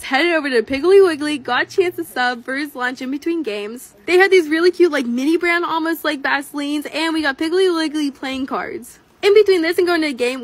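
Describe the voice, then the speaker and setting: A woman's voice: sits high, fairly bright tone. An eighteen-year-old woman narrating a vlog voice-over in a gushing, upbeat storytelling way. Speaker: vlogger.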